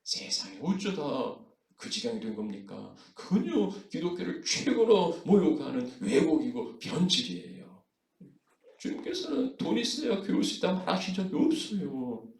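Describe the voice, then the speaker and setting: Male pastor, sermon, animated rising and falling pitch, chatty asides and rhetorical questions, roomy church sound from a distance. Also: moderate pace, vocal fry. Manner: conversational preaching with frequent fillers and rhetorical questions. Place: church sanctuary.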